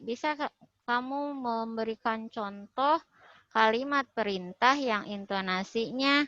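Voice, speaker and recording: Woman teacher on an online class, higher voice, dry close sound, patient step-by-step explaining. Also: pushed and bright, no echo. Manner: explains step by step, repeats key points. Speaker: Indonesian language teacher. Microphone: video call. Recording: dull lo-fi video call audio.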